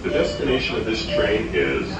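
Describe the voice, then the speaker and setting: A man's recorded voice giving automated station announcements aboard a subway train, slow and even. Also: far from the mic. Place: inside a moving subway train. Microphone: phone filming in the carriage, far from the speaker. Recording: echoey train car, heard from afar over loud rumble. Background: loud train rumble.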